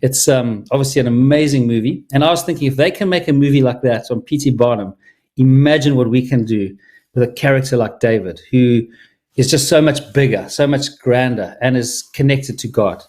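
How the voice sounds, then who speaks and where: A middle-aged man speaks, telling an audience about his passion for a film project. His voice sits at an ordinary middle pitch. He sounds eager and heartfelt, and he often restarts his sentences. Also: fairly quick, darkish tone. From Zimbabwe. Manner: enthusiastic, heartfelt, with many restarts. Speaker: filmmaker presenting his film. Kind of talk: earnest personal talk to an audience.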